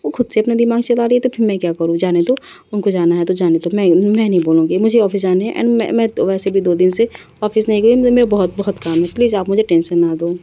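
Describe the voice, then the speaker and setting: Woman voicing a stubborn proud young woman, defensive, mellow low voice, lo-fi. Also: brisk, lightly acted.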